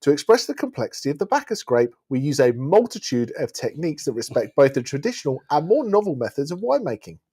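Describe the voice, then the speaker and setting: A man with a slightly higher-pitched voice presents a wine. He reads sommelier tasting notes aloud, describing it in a measured, deliberate way. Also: big pitch swings, mellow, husky.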